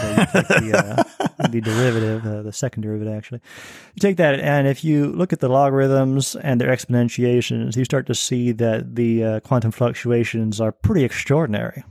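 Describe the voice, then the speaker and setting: A man's voice: medium pitch, fairly even intonation, a little fast, vocal fry, darkish tone, no echo, clean studio sound, lightly acted. A man doing a drawling Texas talker. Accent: Southern US, Texas. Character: drawling Southern man talking physics.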